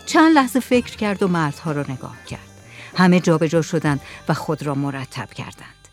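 A woman narrating an audiobook in a measured, even storytelling manner. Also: low voice, soft background music.

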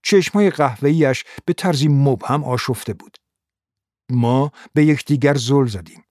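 A man reading a first-person noir novel as scripted audiobook narration in a steady, measured way. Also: mid-range voice, no room sound, studio quality.

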